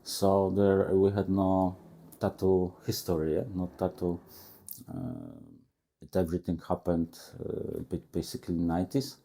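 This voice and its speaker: A man in his forties from Poland with a Polish accent, speaking halting non-native English as a guest in a casual interview. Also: low voice, expressive, creaky, dark tone. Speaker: guest tattoo artist. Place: tattoo shop.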